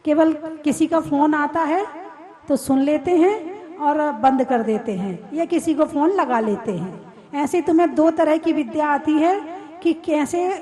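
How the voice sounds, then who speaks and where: Woman preacher, high and unhurried, chatty sermon style that teases the crowd and asks them questions. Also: warm tone. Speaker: Jain nun preaching. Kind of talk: sermon to a live audience. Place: hall with a live audience.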